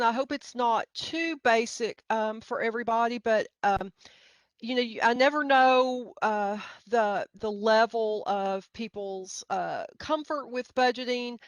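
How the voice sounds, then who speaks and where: A woman's voice: a little high, clean tone, dry recording. A middle-aged woman with a Middle Tennessee accent gives an informal training presentation in a hesitant, folksy, self-deprecating way. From Middle Tennessee, United States. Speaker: university grant budget specialist, presenter.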